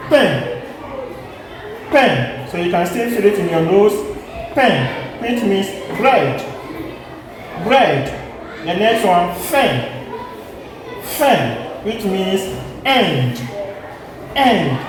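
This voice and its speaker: A French teacher giving a deliberate, repetitive pronunciation lesson, demonstrating plain and nasal vowels and repeating each word for learners. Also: medium pitch. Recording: very echoey large room, background noise.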